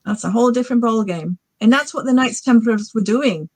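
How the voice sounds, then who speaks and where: A woman's voice: fairly high pitch, fairly quick, darkish tone, no echo. A woman in her forties, a guest author, talking casually on a podcast in a rambling, enthusiastic way full of fillers. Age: 40s.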